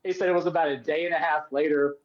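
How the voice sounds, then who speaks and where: Animated man telling road stories. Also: on the high side, quick pace, highs cut off. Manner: animated, acts out quoted voices. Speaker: podcast co-host, former wrestler. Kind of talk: casual storytelling chat.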